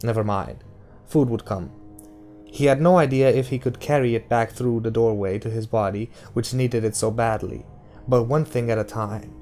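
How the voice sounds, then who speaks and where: A man reading a novel aloud as a hobby audiobook, in a steady narration that slows for dramatic lines, then chatting to listeners. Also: medium pitch. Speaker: audiobook reader.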